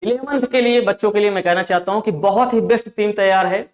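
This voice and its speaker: Fast and high-pitched, this man's voice comes through with reverberation. He teaches an online class as a tutor, speaking emphatically, repeating phrases, and regularly calling the students "dear children".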